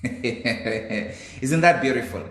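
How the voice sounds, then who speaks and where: A male interview host with a mid-pitched voice speaks enthusiastically and repeats his guest's answers back. The sound carries the echo of a reverberant room. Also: very slow, fairly bright tone.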